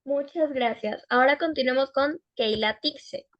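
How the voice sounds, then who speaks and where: High-voiced patient woman teacher. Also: no echo, muffled recording. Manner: patient, spells out and slowly repeats English words. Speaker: English teacher. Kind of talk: online class instruction.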